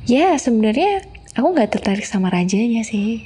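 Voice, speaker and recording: A woman with an Indonesian accent playing an affectionate, teasing wife in an ASMR role-play, intimate and soothing, soft and breathy as she coaxes a listener to sleep. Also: a little high, very animated, moderate pace. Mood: soft storytelling. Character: affectionate teasing young wife telling bedtime stories.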